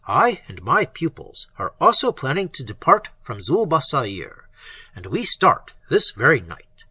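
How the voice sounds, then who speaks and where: A man's voice: a little high, wildly swooping pitch, measured pace, bright, forceful tone, breathy edge, no room sound, heavily acted. A man voicing an oily, purring necromancer. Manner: purring, sardonic. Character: oily mocking old male necromancer.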